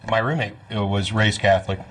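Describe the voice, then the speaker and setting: A man co-hosting a studio talk show, joking in a deadpan way while he eats. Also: fairly low pitch, brisk, a little hiss or hum. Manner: jokey, deadpan, talks while eating. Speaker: co-host.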